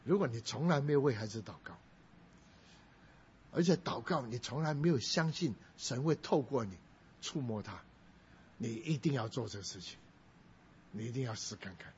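This male pastor, middle-aged, recounts a family story from the pulpit and lifts his voice to quote others. He speaks at a moderate, animated pace with frequent pauses, in a medium-pitched, slightly mellow tone. The lo-fi recording sounds dull and carries slight background noise.

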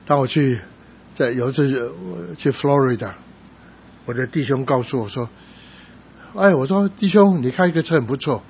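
A middle-aged male pastor preaching a sermon, telling stories with sudden loud emphatic rises. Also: medium pitch, normal speed, vocal fry, pauses often. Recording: slightly dull sound with faint noise.

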